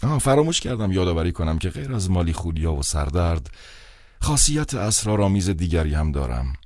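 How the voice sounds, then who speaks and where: A man narrating a literary novel in a measured, wry, deadpan reading. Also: sits low, dry recording, studio quality. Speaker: audiobook narrator.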